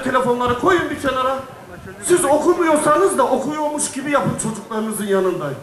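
A man's voice: extremely high pitch, fairly bright tone, far from the mic. A middle-aged man from Istanbul, a folk singer chatting and joking with an audience from the stage, telling stories and laughing at himself. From Istanbul, Turkey. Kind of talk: casual stage chat to an audience. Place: stage at a crowded event venue. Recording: echoey venue, voice heard from afar.

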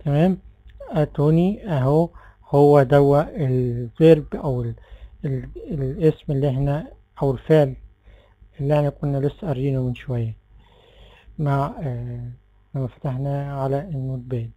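Egyptian guy walking you through a program, super dark mellow voice, dry close mic, lots of little restarts. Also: mid-range voice, moderate pace, long pauses, no room sound, low-quality recording. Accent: Egyptian Arabic. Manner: relaxed, explanatory, with frequent fillers and self-corrections. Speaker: tech tutorial presenter. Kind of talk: screen-recorded software tutorial.

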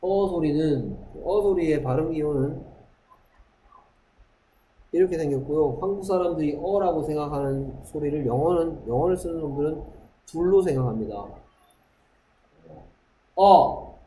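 Male teacher, warm mellow voice, slightly high pitch, lecturing a class, echoey classroom. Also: slight background noise. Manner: repeats a checking question, reads English slowly. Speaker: English teacher.

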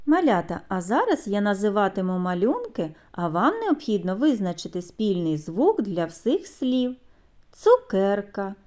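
A woman teaching small children a recorded kindergarten lesson, drawing words out slowly and clearly. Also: medium pitch, darkish tone. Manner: slow, drawn-out pronunciation of words for children.

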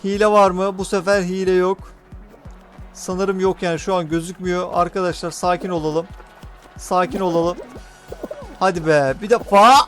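A man with a Turkish accent and a high voice calls out a game as he plays it, urging his teammates on. He chats straight to his viewers and gets louder and higher when the action heats up. Faint music plays underneath. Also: level tone, moderate pace. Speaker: gaming YouTuber. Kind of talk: live gameplay commentary.

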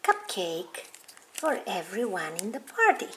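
A woman hosting a toy video, softly narrating doll play as she handles the toys. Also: mid-range voice, huge pitch swings, unhurried. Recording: noisy home recording.

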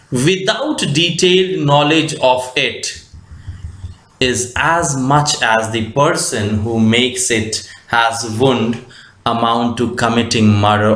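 Male teacher, Indian English accent, reads and explains a text slowly, fairly high voice, echoey room. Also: fairly bright tone. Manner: slow, deliberate lecturing with frequent fillers and rephrasing. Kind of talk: reading a story aloud and explaining it.

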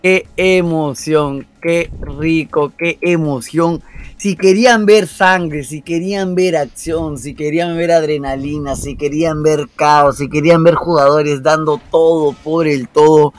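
A man with a slightly high voice co-casts a tense esports match. He leans on repeated phrases with emphatic relish. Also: fairly even intonation, unhurried. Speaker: esports caster. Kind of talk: live esports commentary.

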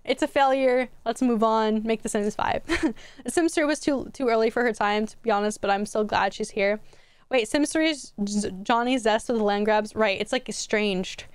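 Speaking into a studio mic on a boom arm in her home streaming room, a young adult woman gives casual stream commentary at normal speed. Her higher voice stays smooth and crisp even as it goes hoarse from a long stream, and she rambles chattily, restarting sentences. The sound is dry and close, with no room sound.

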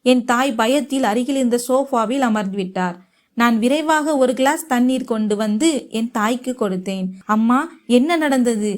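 A woman narrating a first-person family story in a steady read-aloud manner. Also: on the high side, normal speed.

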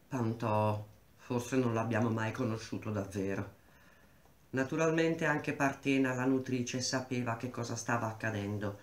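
Man reading a novel, echoey room. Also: medium pitch. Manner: measured, unhurried literary reading. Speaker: reader.

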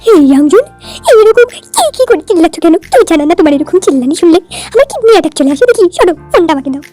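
A calm, fussy middle-aged father who is henpecked by his wife, played by a woman. The voice stays very high despite the male role. Faint music sits behind it. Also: racing. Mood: worried. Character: soft-spoken middle-aged husband and father.

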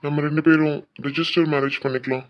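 As a woman: drop low, play a desperate young man who begs, pressures and dramatizes, muffled lo-fi sound. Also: fairly even intonation, fairly quick, lightly acted. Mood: earnest. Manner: pleading, pressuring, melodramatic.

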